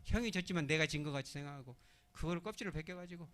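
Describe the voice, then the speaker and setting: A man preaching a sermon as pastor, talking with his congregation, asking questions and answering them himself, moving between loud stressed words and hushed phrases. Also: a little high, very fast. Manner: acts out little scenes in other voices; swings from loud emphasis to soft, hushed phrasing.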